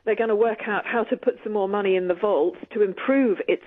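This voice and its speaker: A woman's voice: medium pitch, a little fast. A woman guest on a radio show, chatting casually about money and restarting her sentences often. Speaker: radio guest explaining finance. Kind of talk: casual phone-in chat. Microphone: telephone. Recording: tinny phone line.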